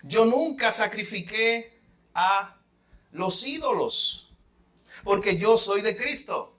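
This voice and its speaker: A pastor voicing a defiant martyr deacon. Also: male voice, sits high, expressive, slow pace, sharp tone, full character voice. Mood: fervent. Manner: fervent, defiant.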